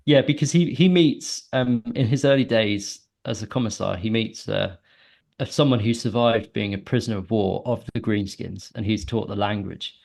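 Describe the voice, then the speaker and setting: A man's voice: on the low side, moderate pace, gravelly, a little mellow. Rambling man telling a lore story. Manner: rambling, many ums and self-corrections. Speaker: podcast co-host. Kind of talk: casual storytelling chat.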